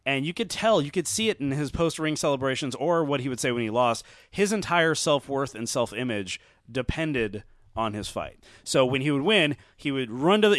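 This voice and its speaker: A man talking in a relaxed podcast chat, animated and blunt, swearing freely and restarting his thoughts as he goes. His voice sits at an ordinary pitch, and the recording is close and dry with no room sound. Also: no room sound. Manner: animated, profane, restarts a lot. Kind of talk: casual chat, film criticism.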